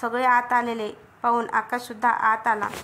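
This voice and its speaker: Woman narrating a story, flat delivery. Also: on the high side, moderate pace, slight background noise.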